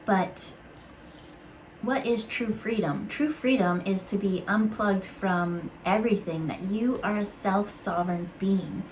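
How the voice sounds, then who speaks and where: A woman reading intuitive cards in a casual, musing way, halting with fillers and restarts. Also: medium pitch, darkish tone, faint music behind, poor audio. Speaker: intuitive card reader. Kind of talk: casual spiritual card reading.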